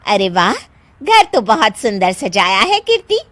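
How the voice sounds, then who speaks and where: A woman's voice: mid-range voice, big pitch swings, a little slow, a bit bright, dry recording. A woman voicing chatty middle-aged women friends in a cartoon story who gush and gossip.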